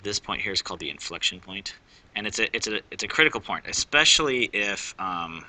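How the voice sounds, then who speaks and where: A man's voice: lowish voice, expressive, a little fast, pushed and bright, low-quality recording. A male math teacher explaining a graph in a casual recorded lesson, rambling, often correcting himself and thinking aloud.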